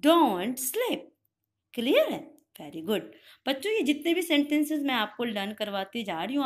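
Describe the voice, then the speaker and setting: A woman teacher giving a spoken English lesson to children, repeating each classroom phrase slowly and checking whether it is clear. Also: high-pitched, fairly bright tone. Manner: slow, drilled repetition of English phrases with frequent "clear?" checks.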